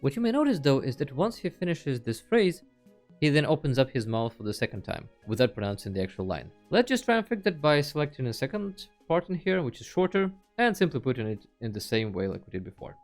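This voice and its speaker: A man runs a casual video game tutorial, walking through each step with playful, dry humor. He talks a little fast in a medium-pitched, very animated voice while faint music plays underneath.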